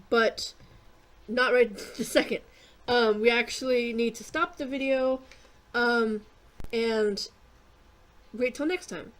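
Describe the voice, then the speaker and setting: A woman casually narrating her gameplay, rambling with lots of fillers and casual swearing, clearing her throat and coughing often. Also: on the high side. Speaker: gaming YouTuber.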